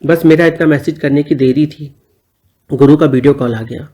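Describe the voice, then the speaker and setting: Young guy telling his story, chatty, warm mellow voice. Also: on the high side, steady tone, normal speed. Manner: conversational, plain storytelling. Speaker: narrator. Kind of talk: first-person story narration.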